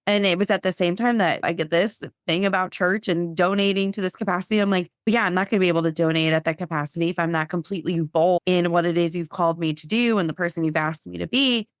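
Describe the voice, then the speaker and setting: A woman guest on a podcast, telling a lively faith story and acting out her own past thoughts in quotes. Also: fairly low pitch, fast, hardly any pauses, no room sound, studio quality.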